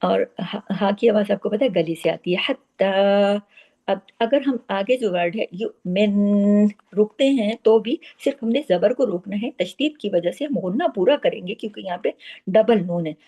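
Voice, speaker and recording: Mellow-voiced woman teaching tajweed. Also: medium pitch, expressive. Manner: explains step by step, then recites words slowly and drawn out; asks the listener quick questions and answers them herself. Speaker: Quran recitation teacher. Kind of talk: tajweed lesson with slow demonstrated recitation.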